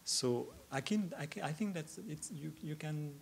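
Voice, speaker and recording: Halting man answering questions. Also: on the high side, creaky, slight background noise. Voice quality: halting, many restarts and stammers. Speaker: keynote speaker answering questions. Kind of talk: academic Q&A answer. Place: lecture hall.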